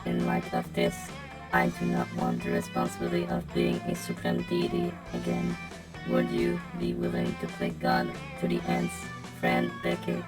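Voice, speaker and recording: A woman's voice: huge pitch swings, normal speed, creaky, heavily acted. A woman speaking through a voice changer that drags her voice far down, voicing a formal, curious male robot who studies organic life with stiff, polite phrasing. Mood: reserved. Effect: voice changer pitching the voice far down. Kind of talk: reading game dialogue aloud with a friend. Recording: loud music playing behind.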